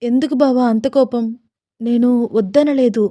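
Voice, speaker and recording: A woman's voice: fairly high pitch, steady tone, measured pace, dark tone, no echo, clean studio sound, close to an everyday voice. A woman voicing a shy, nervous young newlywed wife who sounds coy and pleading.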